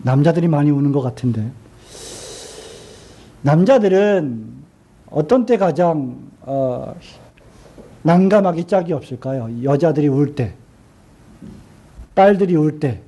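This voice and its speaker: High, mellow-voiced male preacher. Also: animated. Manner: asks the congregation questions and has them repeat lines; slows down and drops his voice when quoting Jesus. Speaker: pastor. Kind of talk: sermon.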